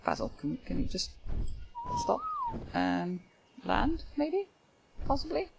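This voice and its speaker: Over game music and a noisy background, an older woman hosting a gaming video chats casually to the creatures in her game. Her mid-range voice is sing-song, slow, and creaky, and her let's-play commentary is full of exclamations and sighs.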